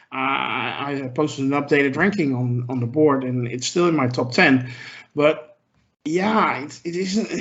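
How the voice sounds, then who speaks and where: A man on a podcast panel giving his opinion in a casual, hesitant way, full of fillers. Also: a little high. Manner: hesitant, many fillers, gets excited. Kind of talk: casual discussion. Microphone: handheld mic moved about. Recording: muffled lo-fi audio.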